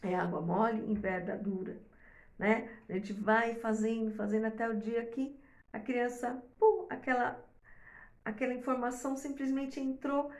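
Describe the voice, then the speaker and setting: A woman's voice: on the high side, fairly even intonation, moderate pace, a little mellow. A middle-aged woman giving an informal online lecture as a parenting mentor, talking conversationally and tagging her sentences with "né?". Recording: roomy echo.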